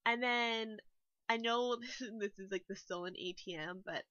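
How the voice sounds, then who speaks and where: A young game-builder vlogger, slightly nasal and still a bit sick, rambles chattily through a voice-over walkthrough packed with fillers. Her fairly high voice is bright and pushed at a normal pace, recorded on a dull, dry lo-fi mic with no room sound.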